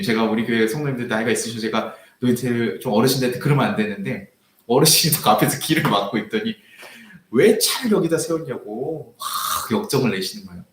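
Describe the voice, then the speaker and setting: A man's voice: mid-range voice, slight background noise. A young man preaching a sermon as pastor, telling a personal story and acting out a heated argument. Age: young adult. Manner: animated, acts out quoted arguments in raised voice. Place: church sanctuary. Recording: echoey church hall.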